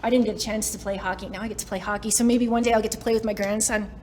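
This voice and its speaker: Rapid-fire and steady in tone, her medium-pitched voice has a darkish quality, with slight background noise present. She's a Canadian keynote speaker in her forties on a summit stage, giving a chatty, self-mocking motivational talk to a live audience and laughing often between lines.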